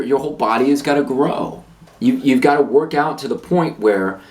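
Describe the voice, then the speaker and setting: A man on a fitness channel, ranting to camera, blunt and emphatic, who hammers his points home by repeating them. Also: mid-range voice. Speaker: fitness vlogger.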